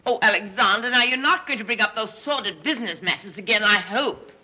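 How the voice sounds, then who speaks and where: A woman's voice: mid-range voice, quick pace, bright, forceful tone. An actress playing a scatterbrained, fussing middle-aged society mother in 1930s screwball comedy banter, flighty and chattering. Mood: airy chatter. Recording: noisy 1930s film soundtrack.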